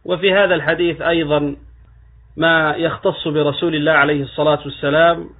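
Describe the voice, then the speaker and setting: A man giving a religious lesson on hadith in a measured teaching cadence, rising with emphasis on key terms. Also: on the high side, level tone. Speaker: Islamic scholar. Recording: tinny phone-like recording.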